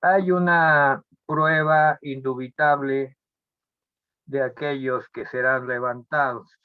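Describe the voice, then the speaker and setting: Slow, deliberate pastor preaching. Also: male voice, mid-range voice, steady tone, smooth, dry recording. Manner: deliberate, repeats phrases and restarts words. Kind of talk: sermon. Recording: dull lo-fi sound.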